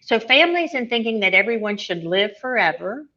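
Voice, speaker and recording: Woman guest sharing stories from nursing, bright forceful voice, kinda muffled lo-fi sound. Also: fairly high pitch, animated, a little fast. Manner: emotional, laughs while telling a story. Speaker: guest, author and former nurse. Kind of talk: storytelling in an interview.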